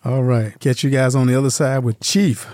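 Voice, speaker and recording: A man's voice: medium pitch, steady tone, normal speed, a little mellow. A male radio show host doing an interview in an easygoing, conversational way.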